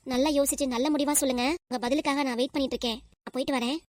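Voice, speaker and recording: A woman's voice: sits high, fairly even intonation, very fast, very noisy, close to an everyday voice. A woman voicing an earnest, lovestruck twenty-year-old nurse with a southern Tamil Nadu accent, pleading insistently in a cartoon. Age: 20s. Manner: pleading, insistent, talks over objections. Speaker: voice actor. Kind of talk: cartoon voice acting.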